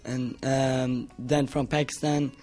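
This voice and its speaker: Flat-toned man in his twenties. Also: mid-range voice, takes it slowly. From Afghanistan. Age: 20s. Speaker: interviewee.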